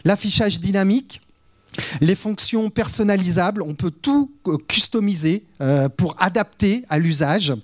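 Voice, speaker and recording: A man's voice: high voice, moderate pace. A man giving a conference product presentation, rattling off feature lists at speed with frequent hesitant fillers.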